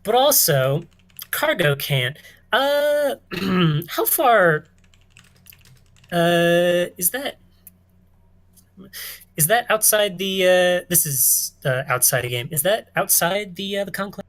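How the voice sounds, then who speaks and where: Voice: medium pitch, expressive, takes it slowly. A player chatting casually at a tabletop game session, hesitant and full of joking asides.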